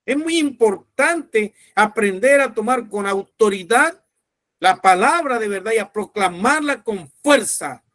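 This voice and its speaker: A man's voice: sits high, animated, unhurried, a bit bright, no room sound, clean studio sound. A man pastor preaching a sermon, emphatic and commanding. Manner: emphatic, commanding preacher who acts out pleading voices.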